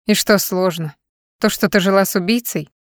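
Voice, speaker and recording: A woman's voice: medium pitch, moderate pace, dry recording, studio quality, lightly acted. A woman reading the lines of a harsh, accusing young man in an audiobook. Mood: angry. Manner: blunt, harsh questioning.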